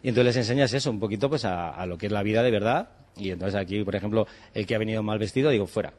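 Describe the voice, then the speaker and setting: Very fast and darkish in tone, a lowish male voice belongs to a Spanish chef and cooking teacher in his forties. Chatting casually and animatedly in an interview, he acts out pieces of dialogue and drops the occasional swear word.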